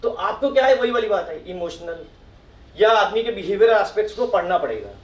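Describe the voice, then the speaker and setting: A man's voice: high voice, expressive, brisk. A middle-aged man giving a talk to an audience, asking them questions and acting out their replies. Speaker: speaker at a professional meet. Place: meeting hall with audience. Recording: echoey hall, mic from far off.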